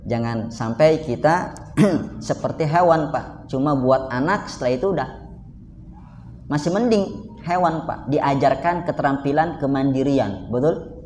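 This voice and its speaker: A man's voice: medium pitch, lively intonation, a little slow, a little mellow. A man preaching a casual, joking sermon to a live congregation, often turning to his listeners directly. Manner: jokey, keeps addressing listeners directly. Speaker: Islamic preacher. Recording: echoey hall with faint background noise.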